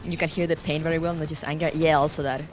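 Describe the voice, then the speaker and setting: Talking fast in a low, flat voice, this woman streams a video game with casual, rambling commentary. She reads the game's dialogue aloud, and faint music can be heard behind her.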